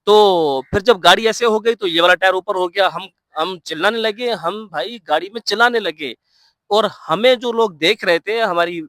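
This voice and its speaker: A man's voice: high voice, fairly bright tone, no room sound, rough recording. A man, earnestly recounting a near-accident to his vlog viewers and giving thanks to God. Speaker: vlogger.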